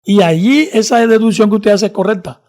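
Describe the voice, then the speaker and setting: Bible teacher, male, high pitch, measured explanatory delivery. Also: darkish tone. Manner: measured, explanatory, reads scripture slowly. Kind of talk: Bible study discussion.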